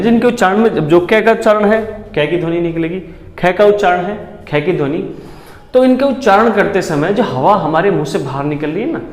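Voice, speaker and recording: A male teacher giving an exam-prep lesson, asking the class questions, answering them himself and repeating key words. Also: high-pitched. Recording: echoey room with long reverb.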